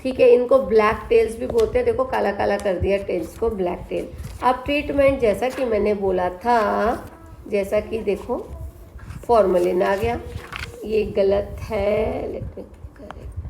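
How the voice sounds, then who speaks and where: A woman teaching a biology exam-prep lesson, reading textbook lines slowly, then explaining them, asking questions and answering them herself. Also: medium pitch, creaky, a little mellow. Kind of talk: exam-prep lesson in mixed Hindi and English. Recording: echoey room, faint background noise.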